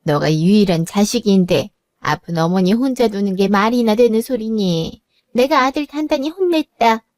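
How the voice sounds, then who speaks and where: A woman's voice: medium pitch, lively intonation, normal speed, darkish tone, no echo, studio quality, close to an everyday voice. A woman voicing an older mother-in-law who speaks in a firm, motherly, scolding way. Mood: firm, caring. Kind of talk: narrated drama voice acting.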